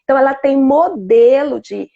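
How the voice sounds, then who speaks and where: Guest expert, woman, slightly high, gravelly, calm explainer; dull lo-fi audio. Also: moderate pace. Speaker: speech therapist guest. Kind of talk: live-stream talk. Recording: dull lo-fi sound.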